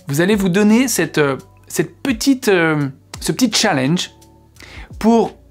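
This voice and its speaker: A high-pitched English teacher explains a lesson on video, patiently repeating words to demonstrate how they sound.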